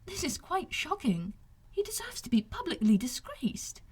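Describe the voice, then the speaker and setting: A woman voicing a spirited young gentlewoman in an audiobook, speaking in emphatic, formal period phrases. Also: very high-pitched, huge pitch swings, moderate pace, voice pushed up, exaggerated voice. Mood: shocked, indignant. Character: spirited young gentlewoman, shocked and indignant, easily sympathetic. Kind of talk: audiobook character dialogue.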